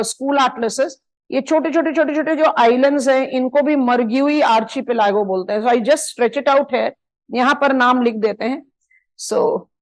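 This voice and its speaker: A woman with an Indian accent teaching a live online geography map lesson, switching between Hindi and English and drawing on a map as she explains, drawing out key place names slowly. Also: high-pitched, low-quality recording.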